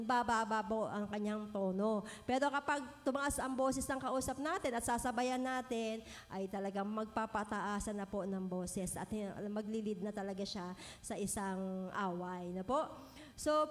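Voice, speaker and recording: Middle-aged lady preaching, soft and gentle, keeps going "no po?", long church echo. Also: mid-range voice. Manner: gentle, frequent "no po" tag questions, mixes English phrases. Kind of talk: sermon. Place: church hall. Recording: long hall reverb.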